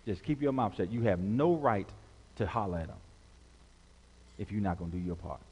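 A man's voice: on the low side, lively intonation, moderate pace, dark tone, breathy edge. A man preaching a sermon as pastor, leading the congregation in call-and-response with repeated phrases and rising emphatic passages. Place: church sanctuary. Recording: long hall reverb.

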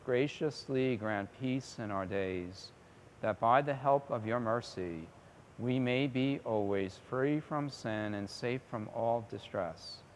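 A man leads liturgical prayer as a priest at Mass. His delivery is solemn and measured, in short phrases with pauses, at a medium pitch. Clear ambient noise of the church sits behind him. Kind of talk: liturgical prayer recited aloud. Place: church during a Sunday Mass.

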